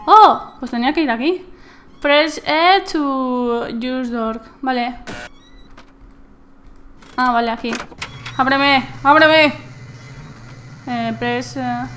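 A high-pitched woman gives gameplay commentary in a bright, sharp voice. She talks in an unhurried way, breaking into squeals and humming to herself. A faint hiss sits under her desk mic. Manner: excitable, squeals and shouts at surprises, hums to herself.

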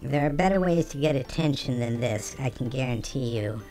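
A game streamer talking through a voice changer that shifts the pitch, chatting casually with viewers while playing. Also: lively intonation, moderate pace, a little mellow, soft background music. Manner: chatty, talks to chat between game actions. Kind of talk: casual let's-play chat with viewers.

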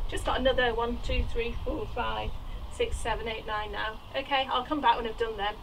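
A woman's voice: on the high side, fairly even intonation, normal speed, fairly bright tone, a little hiss or hum, low-quality recording. Chatty woman in a greenhouse. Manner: chatty, thinks aloud while working. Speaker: allotment vlogger. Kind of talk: casual gardening vlog. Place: small greenhouse on an allotment. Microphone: camera on a tripod nearby.

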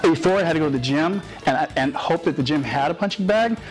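A man's voice: a little high, quick pace, faint music behind, poor audio. A man giving an enthusiastic product testimonial. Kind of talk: testimonial interview.

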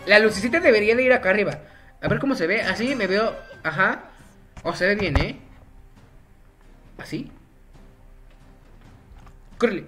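A man's voice: high-pitched, lively intonation, normal speed, pauses often, over music. A young man, a gaming YouTuber, giving casual gameplay commentary in a jokey, rambling way and getting easily frustrated.

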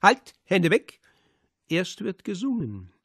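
A man's voice: medium pitch, expressive, moderate pace, gravelly, a little mellow, husky, dry recording, studio quality. A man voicing a cruel, mocking Czech man who taunts a police inspector, reading it as part of an audiobook. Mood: taunting. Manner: mocking and contemptuous.

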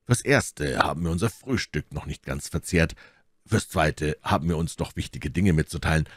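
A man reading aloud voices a calm, cool-headed musketeer who speaks quietly and indifferently. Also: very deep voice, normal speed, no room sound, studio quality.

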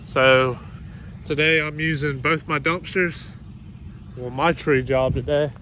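A man in his thirties with a relaxed, folksy manner, vlogging casually about his work while standing outdoors at a job site, filmed on a phone held at arm's length. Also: on the high side, slow pace. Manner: relaxed, folksy, says y'all. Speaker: vlogger running dumpster rentals and a tree service. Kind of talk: casual vlog narration. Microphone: phone camera held at arm's length. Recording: outdoor phone audio with faint background noise.

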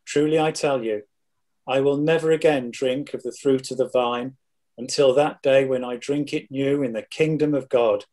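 A middle-aged man reading the part of a solemn teacher, Jesus, in a measured, declamatory way for a dramatized scripture reading. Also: mid-range voice, steady tone, darkish tone, lightly acted. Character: Jesus, solemn adult male teacher foretelling his betrayal. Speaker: scripture reader.

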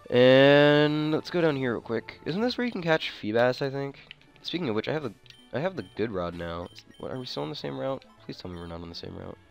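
A man's voice: mid-range voice, expressive, a little fast, vocal fry, dull audio. A man giving casual gameplay commentary, thinking aloud in informal, slangy language. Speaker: gamer commentating a playthrough. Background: video game music.

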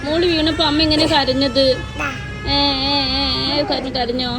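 A woman's voice: high voice, steady tone, normal speed, over loud music. A woman asking a small child playful, coaxing questions in casual home-video talk. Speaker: family member talking to a toddler. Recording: loud background noise, passing vehicles.

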